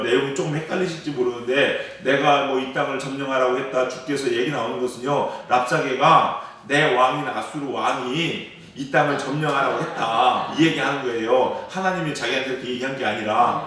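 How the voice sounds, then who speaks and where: A man's voice: medium pitch, brisk, few pauses, a bit bright. A man preaching an early-morning sermon as pastor, who asks his congregation rhetorical questions, answers them himself and keeps speaking to them directly. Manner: keeps addressing the listeners directly. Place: church sanctuary. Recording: very echoey hall, voice far from the mic.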